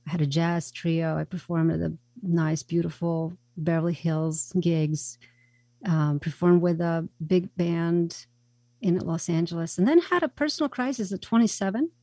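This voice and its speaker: A Croatian-born woman speaking as a radio guest, earnest and reflective, often pausing on fillers. Her voice is gravelly and mellow. The recording is close and dry. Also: fairly low pitch, dry recording. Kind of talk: interview.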